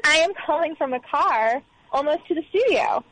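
A woman's voice: sits high, animated, moderate pace, a bit bright, dry recording. A woman calling in on a phone line from a car, chatting in an upbeat way. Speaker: caller. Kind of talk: casual chat.

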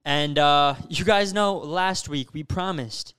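A man's voice: fairly high pitch, slow pace, a bit bright, clear, resonant tone. A young man hosting a podcast with casual banter and slangy frat-bro talk. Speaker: podcast host.

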